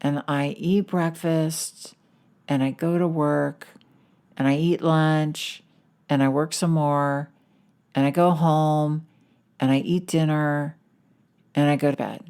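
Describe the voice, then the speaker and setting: A woman's voice: sits low, slow pace, pauses often, smooth. A woman doing a mopey, weary woman. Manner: flat, listing, weary. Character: mopey woman bored with her life.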